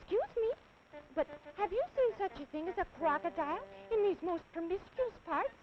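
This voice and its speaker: A squeaky, eager young elephant calf, voiced by a woman in a children's TV storybook, his very high voice bouncing with curiosity. He asks everything with great politeness. The sound is dull and lo-fi, like an old 1950s television kinescope. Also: expressive, normal speed. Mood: polite.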